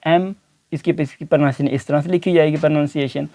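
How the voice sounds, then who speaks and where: A man teaching English pronunciation in a spoken lecture, repeating each word several times, spelling words letter by letter and pausing on drawn-out fillers. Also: a little high, steady tone, dark tone, slight background noise.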